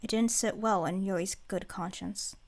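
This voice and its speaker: A woman's voice: mid-range voice, steady tone, moderate pace. A woman reading fiction aloud as a narrator, in a dramatic scripted narration style.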